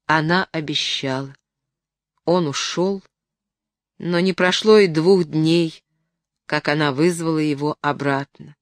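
A woman narrating a classic novel as an audiobook in an expressive, theatrical way. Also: deep voice, slow pace, long pauses, no echo, clean studio sound. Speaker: audiobook reader.

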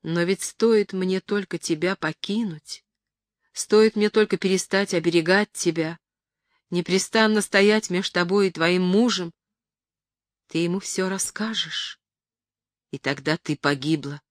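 A woman's voice: fairly low pitch, a little slow, no room sound, clean studio sound, natural voice. A woman reading aloud voices a young man, a tormented secret lover who pleads with feeling. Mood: anguished pleading. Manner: pleading, emotional.

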